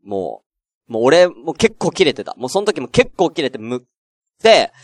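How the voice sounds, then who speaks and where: A man hosting an unedited solo internet radio show, grumbling and venting in a casual way, his voice getting hoarse. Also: mid-range voice, sing-song, moderate pace, no echo, studio quality. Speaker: host.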